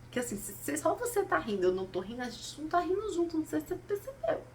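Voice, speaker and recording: A woman talks casually and expressively to her viewers, pausing and picking up her thread as she reflects. She sits a little back from the mic, with a faint hum underneath. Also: high voice. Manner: expressive, talks straight to viewers, acts out quoted voices. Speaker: spiritual vlogger. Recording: slightly distant mic, faint background noise.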